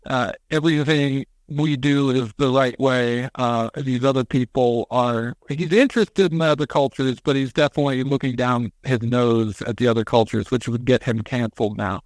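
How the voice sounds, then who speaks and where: A man on a podcast, retelling a story in casual chat, animated and acting out quotes with casual swearing. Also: mid-range voice, moderate pace, few pauses, no echo. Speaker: podcast co-host.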